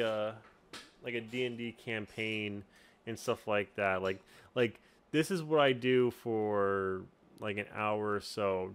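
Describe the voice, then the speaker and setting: A man's voice: on the low side, clean tone. A man hosting a casual tutorial as a game master, talking in a rambling way with lots of restarts. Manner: rambling, full of fillers and restarts. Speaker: game master and channel host.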